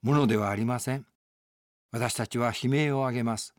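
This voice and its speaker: A man's voice: mid-range voice, fairly even intonation, moderate pace, no echo. A man, a pastor, delivering an earnest, emphatic radio sermon from a studio.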